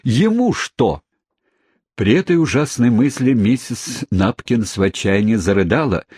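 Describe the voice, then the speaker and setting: A man narrating a classic novel as an audiobook in an expressive, theatrical manner. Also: fairly low pitch, husky, no room sound, studio quality. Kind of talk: scripted narration.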